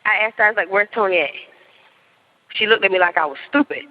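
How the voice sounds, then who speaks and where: A woman's voice: mid-range voice, quick pace, muffled recording. A woman in her thirties telling a story in casual chat, laughing often and acting out what people said. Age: 30s. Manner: animated, laughs often, acts out quotes. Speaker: interviewee.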